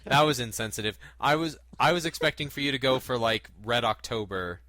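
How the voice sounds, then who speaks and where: Male podcast host, bright and clear-edged, casual chatty delivery, dry recording. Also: medium pitch, a little fast, no echo. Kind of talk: casual gaming podcast chat.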